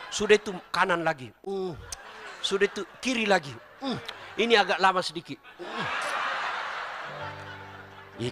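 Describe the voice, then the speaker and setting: Brief: high, animated male preacher, middle-aged, joking sermon, faint music behind. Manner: teasing, addresses listeners directly. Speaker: Islamic preacher. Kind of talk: humorous sermon to a congregation.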